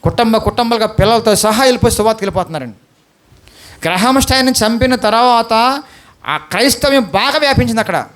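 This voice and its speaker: High-voiced pleading Telugu pastor. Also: male voice, fast, fairly bright tone. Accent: Andhra Telugu. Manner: pleading, questioning the congregation. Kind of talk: sermon.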